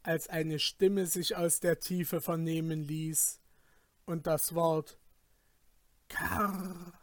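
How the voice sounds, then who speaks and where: A man narrating an old tale in a measured, dramatic storytelling manner. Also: a little high, flat delivery, no room sound. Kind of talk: scripted audiobook narration.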